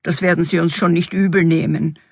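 A woman voicing an excitable, fussy fairy-tale king in a storybook reading, with an exuberant, exclamatory manner. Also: on the low side, a little fast, creaky, breathy edge, dry recording, clean studio sound. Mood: grumbling.

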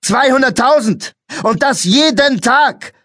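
A male narrator voicing a brutal mustached policeman who shouts threats at a boy. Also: high-pitched, a little fast, no echo, studio quality, voice pushed up. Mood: furious shouting.

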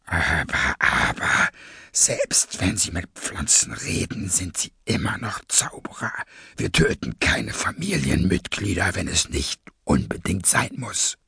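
A man's voice: big pitch swings, unhurried, gravelly, husky, no room sound, studio quality, heavily acted. A man doing a cold, whispering masked villain. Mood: coldly menacing. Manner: low, hushed and menacing, often near a whisper. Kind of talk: audiobook character voice.

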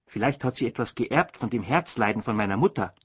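A man narrating an audiobook as lively, scripted storytelling, in a dull lo-fi recording. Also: medium pitch, fairly quick, husky, no room sound.

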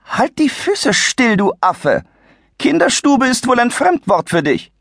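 A man's voice: very high voice, wildly swooping pitch, moderate pace, fairly bright tone, breathy edge, dry recording, clean studio sound, pitched above the performer's own voice, exaggerated voice. A man putting on a shrieking bossy older woman. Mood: scolding. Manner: shrieking, scolding, indignant.

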